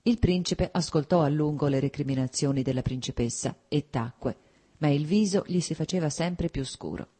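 Low, husky woman narrating a novel. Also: moderate pace, mellow.

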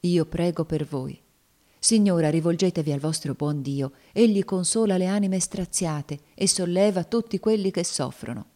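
Woman reading as Uncle Tom, devout and gentle. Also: lowish voice, moderate pace, natural voice. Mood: gentle, faithful. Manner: earnest, solemn pleading. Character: devout gentle older man, steadfast.

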